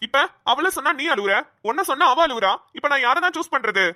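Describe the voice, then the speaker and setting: A fed-up young man from a cartoon sketch, put on by a woman, fires off his complaints in a quick, bright, fairly high voice. He sounds cornered and keeps protesting. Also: animated. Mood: exasperated. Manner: exasperated, quick complaining talk. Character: young man Adhi teased by girl cousins. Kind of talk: cartoon voice acting.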